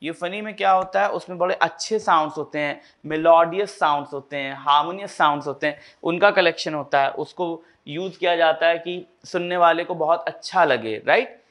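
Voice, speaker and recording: A man teaching literature, reading definitions slowly and explaining them in Hindi with frequent check-ins. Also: a little high, fairly bright tone. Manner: reads English definitions slowly, then explains quickly in Hindi with frequent "ठीक है?". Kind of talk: Hindi-English classroom explanation.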